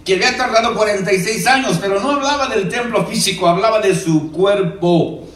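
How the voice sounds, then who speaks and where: A man preaching a sermon, reading scripture aloud slowly and sometimes dropping to a quiet, low voice for emphasis. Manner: reads scripture aloud, slowing down on quoted verses. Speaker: pastor. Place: church hall. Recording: echoey room from far off.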